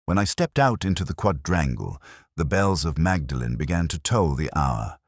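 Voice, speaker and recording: Guy doing a brooding inspector narrating his case, super deep voice, wry n melancholy, really dry close sound. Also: sing-song, no echo, heavily acted. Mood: brooding, reflective. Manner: measured, reflective, literary phrasing. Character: brooding, intellectual male English police inspector, wry and melancholic. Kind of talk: scripted first-person detective narration, audio drama.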